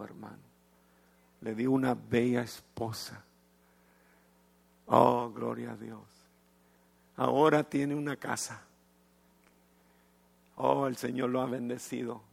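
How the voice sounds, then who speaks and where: A male pastor preaching an evangelistic sermon, swinging from hushed to shouted and slipping in English phrases. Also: mid-range voice, steady tone, takes it slowly, creaky, long pauses. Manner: mixes English phrases into his talk.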